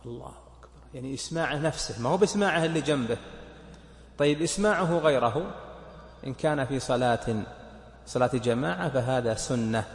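Sheikh teaching in an echoey hall. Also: male voice, medium pitch. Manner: asks his students questions and counts points aloud. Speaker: sheikh teaching a fiqh text. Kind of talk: explaining a legal text in a mosque lesson. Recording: echoey hall with long reverb.

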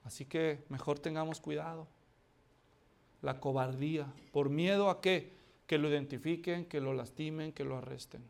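A man with a high-pitched voice preaches a sermon to his congregation. He tells the scripture story dramatically, shifting between loud outbursts and hushed asides, and keeps asking the listeners questions. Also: steady tone, moderate pace, vocal fry. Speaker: pastor.

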